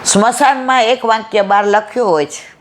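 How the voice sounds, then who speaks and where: A woman's voice: a little high, normal speed, slight background noise. A woman giving a devotional satsang sermon, telling stories with rhetorical questions and acted-out dialogue. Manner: animated storytelling, rhetorical questions, acts out dialogue. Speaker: satsang speaker.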